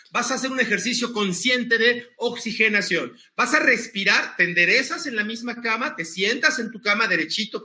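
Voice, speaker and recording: A man giving a lively conference talk on emotions, coaching listeners through breathing exercises. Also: high voice, reverberant. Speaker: motivational speaker.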